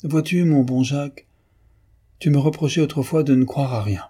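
A man's voice: medium pitch, steady tone, moderate pace, warm tone, breathy edge, pitched above the performer's own voice, natural voice. A man reading as a wry, loyal young friend. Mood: affectionate.

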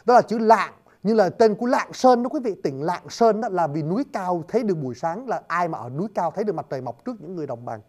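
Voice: medium pitch, animated, fast talker, a little mellow. Chatty lecturer spelling words aloud. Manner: addresses listeners often, spells words letter by letter. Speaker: lecturer on word origins. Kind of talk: casual spoken lecture.

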